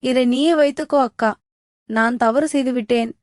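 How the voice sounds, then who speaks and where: Storybook part: a wheedling, sly younger brother, read in a high voice by a woman narrator. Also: normal speed, no echo, studio quality, natural voice. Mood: ashamed. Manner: coaxing, wheedling.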